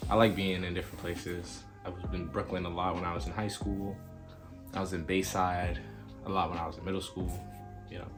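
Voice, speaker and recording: A man's voice: sits low, flat delivery, fairly quick, music in the background. A man, introducing himself casually in a laid-back, rambling way. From Queens, New York. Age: early 20s. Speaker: podcast host.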